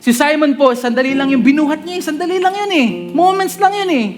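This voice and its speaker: High-voiced man preaching over guitar. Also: fast talker. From Philippines. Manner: switches between Tagalog and English mid-sentence; chatty, jokes with the congregation. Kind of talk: sermon.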